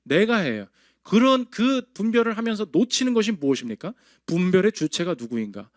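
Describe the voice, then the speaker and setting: A man's voice: high voice, sing-song, fairly quick, no room sound, studio quality. A male pastor preaching an emphatic sermon, acting out God's words and his listeners' complaints.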